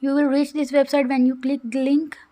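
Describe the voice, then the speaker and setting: A woman's voice: high-pitched, level tone, fairly quick, dark tone, faint music behind. A woman narrates a coding tutorial in a careful, instructional way, with phrasing. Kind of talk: scripted screen-recorded tutorial narration.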